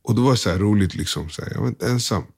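A young man speaks in a fairly low voice, quietly and haltingly. He retells his story in loose everyday slang and acts out what people said. He is a guest being interviewed. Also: creaky, husky. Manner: subdued, halting, slangy retelling with quoted dialogue. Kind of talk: candid personal storytelling.

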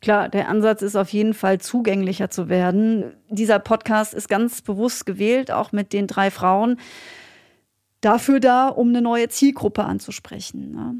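A woman's voice: mid-range voice, steady tone, moderate pace, a little mellow, no room sound, studio quality. A woman hosting a podcast in casual conversation, asking questions and summing up. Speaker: podcast host.

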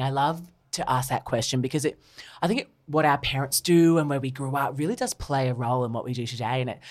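A woman hosting an interview, enthusiastic and affirming toward her guest. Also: extremely low pitch. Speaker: podcast host. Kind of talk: casual interview chat. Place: hotel.

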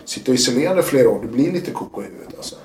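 A man telling his own story in casual conversation, animated and acting out what people said. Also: medium pitch. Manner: animated, acts out quotes. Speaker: guest. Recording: roomy echo.

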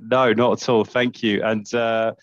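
A man's voice: fairly low pitch, level tone, measured pace, dry recording. A man hosts a podcast and talks easily with his guest, joking at his own expense. The recording sounds a little dull and dry, with no room sound at all. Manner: chatty, self-deprecating. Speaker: podcast host. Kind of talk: podcast interview.

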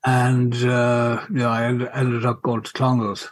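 A middle-aged man, reminiscing casually in a halting, wry way and repeating words as he goes. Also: mid-range voice, completely flat delivery, no room sound. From County Mayo, Ireland. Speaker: podcast guest, school alumnus.

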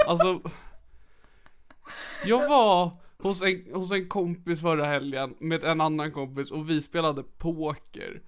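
A man's voice: high-pitched, a bit bright. A man co-hosting a casual podcast who reacts to stories with dry, teasing disbelief. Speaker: podcast co-host and editor.

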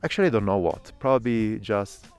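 Male podcast host, low voice, eager, with faint music under him. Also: animated, fairly quick, a little mellow, clear, resonant tone. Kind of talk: roadside interviews and narration.

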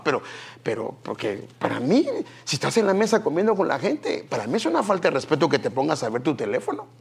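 A man's voice: medium pitch, gravelly, husky. A man preaching a sermon, jumping between joking asides to the congregation and earnest teaching. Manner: animated, humorous asides to the congregation.

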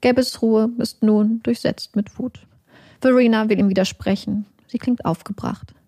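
A woman reading scripted true-crime narration in a measured, somber manner, close to a studio microphone. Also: on the high side, steady tone, dark tone, dry recording. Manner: measured, somber, reads out quoted dialogue. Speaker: podcast narrator.

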